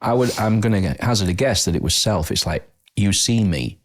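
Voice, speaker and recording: A man with a very low voice talks through ideas in a casual podcast chat. He is thoughtful and hesitant, often restarting his sentences. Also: lively intonation, moderate pace.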